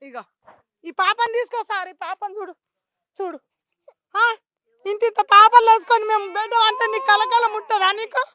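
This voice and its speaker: A woman's voice: very high voice, steady tone, moderate pace, pauses often, a crowd in the background. A woman with a Telangana Telugu accent, a local resident speaking in a street interview. She pleads with passion and repeats herself.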